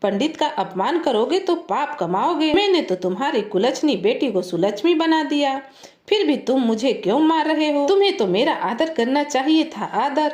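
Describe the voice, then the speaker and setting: A woman's voice: sits high, lively intonation, normal speed, a little mellow, roomy sound. A woman voicing a foolish, self-important young male scholar who lectures and scolds in a pedantic way. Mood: pompous.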